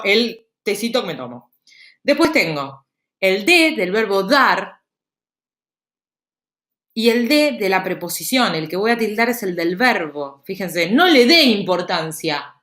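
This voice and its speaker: A woman, teaching a grammar lesson in a lively, explanatory way. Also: mid-range voice, reverberant. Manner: lively, explanatory, speeds up and slows down for emphasis. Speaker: Spanish teacher.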